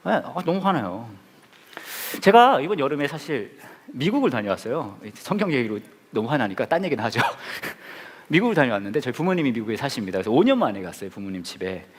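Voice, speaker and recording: A man's voice: medium pitch, big pitch swings, fairly quick. A man in his forties preaching a playful sermon, joking and acting out scenes with his congregation.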